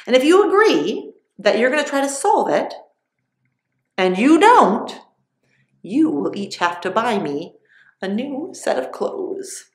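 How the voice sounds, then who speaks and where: A woman plays Samson, a boastful young strongman in a storybook, teasing and riddling with a lively up-and-down voice. The room lends a roomy echo. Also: fairly high pitch, measured pace, pauses often, voice pushed up.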